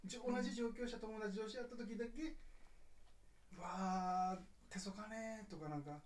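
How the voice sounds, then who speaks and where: Relaxed man from Kagoshima, echoey room. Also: high voice, fast talker. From Kagoshima, Japan. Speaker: actor co-host. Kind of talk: casual chat over drinks.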